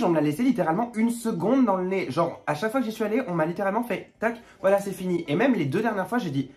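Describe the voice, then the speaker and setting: A young man telling a story to camera in a casual, animated, jokey way, jumping into high mocking voices for asides. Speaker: vlogger.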